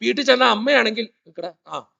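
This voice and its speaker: A man's voice: very high voice, lively intonation, brisk, creaky, bright, forceful tone, lo-fi sound. A man, a priest giving a humorous motivational talk in church, telling family stories and quizzing the audience. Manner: storytelling, joking, quizzing the audience. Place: church hall.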